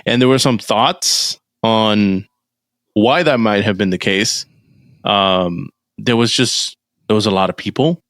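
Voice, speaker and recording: A man hosting a casual podcast chat in a studio, talking in a laid-back, halting way with many fillers. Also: fairly low pitch, a bit bright, no echo. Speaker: podcast host.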